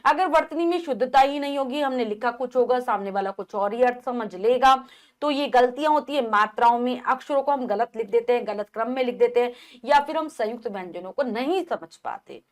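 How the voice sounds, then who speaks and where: A woman's voice: fairly high pitch, a little fast. A woman from India teaching a grammar lesson to children, reading words aloud, repeating each one and explaining the correct spelling.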